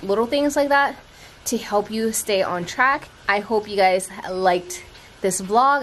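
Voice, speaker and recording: An American fitness vlogger in her thirties, born in Thailand and raised in the United States, chats casually and expressively to a camera held at arm's length on an outdoor patio by her home pool. Her voice is mid-range. The recording is rough, with a little hiss or hum.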